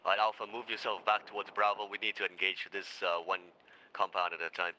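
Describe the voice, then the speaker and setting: A man's voice: low-pitched, fairly even intonation, fast talker, sharp tone, poor audio. A man leading a squad in a military game, giving tactical commands and directions. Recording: faint background noise.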